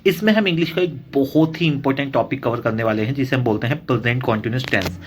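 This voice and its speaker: A man's voice: medium pitch, fast talker, slight background noise. Indian man teaching a grammar lesson. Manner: explains patiently, repeats example sentences, calls students "beta". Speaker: English teacher.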